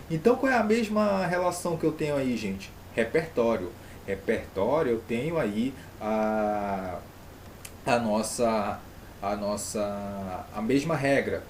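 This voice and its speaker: A man's voice: medium pitch, darkish tone, a little hiss or hum. A man with a Brazilian Portuguese accent, teaching an online grammar lesson and putting rhetorical questions to his pupils.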